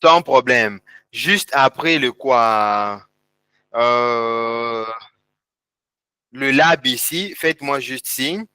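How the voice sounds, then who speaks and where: A man's voice: medium pitch, drawn-out words, pauses often, pushed and bright, smooth, no room sound, studio quality. Man walking students through screen steps. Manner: repetitive, step-by-step pointing at screen. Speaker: instructor. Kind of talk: live online tech class walkthrough.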